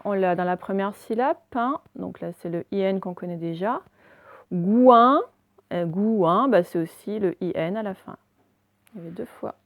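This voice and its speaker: A woman teacher giving a reading lesson to young children, spelling out letters slowly and checking in often. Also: mid-range voice, gravelly, no echo, studio quality.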